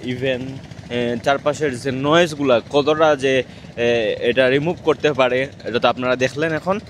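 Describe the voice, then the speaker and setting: A man giving a casual gadget review outdoors on a riverbank. He speaks up loudly over the noise through a wireless clip-on mic, and his voice carries noise-reduction artifacts from the mic's noise cancellation. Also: medium pitch. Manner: relaxed, with frequent hesitation fillers. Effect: processed by the mic's noise cancellation, with noise-reduction artifacts. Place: outdoors on a noisy riverbank with boat engines.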